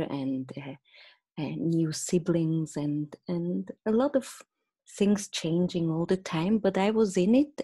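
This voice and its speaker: A woman from Switzerland with a Swiss German accent, a podcast guest on a video call, telling a personal story in a hesitant, soft-spoken way with many fillers. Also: on the low side, breathy edge, dry recording, clean studio sound. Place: small room indoors. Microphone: video call with earbuds.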